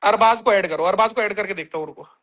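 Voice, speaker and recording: A man's voice: high voice, fast, fairly bright tone. A man on a casual livestream, reading viewer comments aloud and answering them bluntly with plenty of slang.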